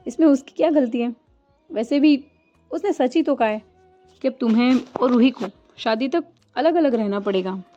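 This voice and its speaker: A woman's voice: sits high, normal speed, dark tone, muffled recording, soft background music, lightly acted. A woman doing a firm traditional mother. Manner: insistent, motherly. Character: traditional middle-aged mother, firm about customs.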